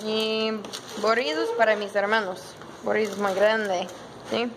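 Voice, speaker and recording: A young adult woman, a native English speaker, vlogs in learner Spanish, speaking slowly and haltingly with lots of fillers. Her mid-range voice has fairly even intonation, and background noise comes through as she holds her camera at arm's length in a car, restaurant, parking lot and grocery stores.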